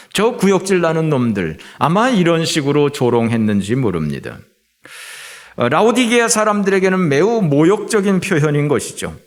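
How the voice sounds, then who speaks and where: A middle-aged man from Seoul preaching a Sunday sermon as pastor in a church, pausing often with filler sounds. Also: on the high side. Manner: frequent filler sounds and drawn-out hesitations. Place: church sanctuary.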